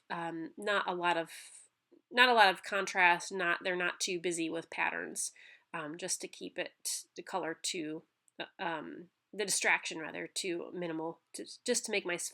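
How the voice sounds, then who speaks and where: Her fairly low voice sounds pushed and bright, and a cold has left her nose stuffy. She hosts a scrapbooking channel and records a chatty crafting voice-over at home on a voice-over mic, with lots of ums and false starts.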